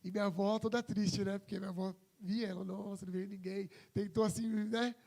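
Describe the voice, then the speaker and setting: Young male pastor from Brazil, higher-pitched, casual testimony preaching. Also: little pitch movement, a little fast, gravelly, warm tone. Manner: conversational storytelling, acts out quoted voices. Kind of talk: informal testimony sermon.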